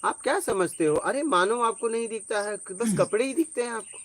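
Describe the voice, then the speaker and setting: A man's voice: high voice, lively intonation, moderate pace, fairly bright tone. A man giving an informal spiritual talk, telling personal stories and often checking that his listeners follow. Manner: conversational, tells personal stories, asks listeners if they follow. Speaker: spiritual teacher.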